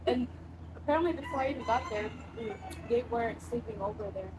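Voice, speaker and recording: Talking briskly, a young woman from Samoa shares her story as a guest, her voice a little high and steady noise audible in the room. Her telling is animated and casual, full of free swearing and impressions of other people.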